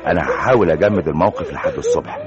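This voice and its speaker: A soothing, reasonable senior engineer with an Egyptian accent in a vintage radio drama. His voice sits low but swings widely in pitch, and the talk moves fast. The recording is dull and muffled, with music underneath. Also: wildly swooping pitch. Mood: persuasive. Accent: Egyptian Arabic. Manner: soothing, reasonable, takes charge. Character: calm, persuasive male engineer, fatherly senior colleague.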